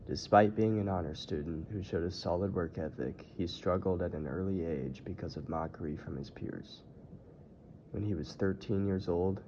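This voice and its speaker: A man giving a scripted true-crime narration as a tour narrator, in a measured, formal storytelling delivery. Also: deep voice, warm tone. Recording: muffled audio with clear background noise.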